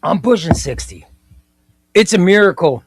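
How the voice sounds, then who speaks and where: A man's voice: sits high, lively intonation, moderate pace, breathy edge, dry recording. A man in his fifties hosting a comic book livestream, chatting casually and with enthusiasm, often repeating himself. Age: 50s. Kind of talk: casual livestream chat reading viewer comments.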